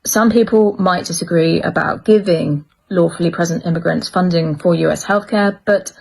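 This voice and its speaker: Low, creaky woman explaining the news. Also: normal speed, rough recording. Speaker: commentator.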